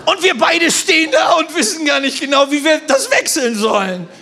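A man preaching a sermon as a pastor, telling stories with animated, loud bursts. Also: very high-pitched, moderate pace, slight background noise.

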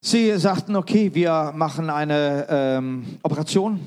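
A man with a high voice interprets a sermon live, one phrase at a time. He works quickly, restarting words and filling gaps as he goes. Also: lively intonation, darkish tone. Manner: quick translation with restarts and fillers.

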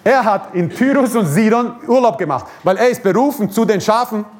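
A man's voice: high voice, expressive, a little fast. A man preaching a sermon at a church service, emphatic, repeating his key phrases and chuckling now and then.

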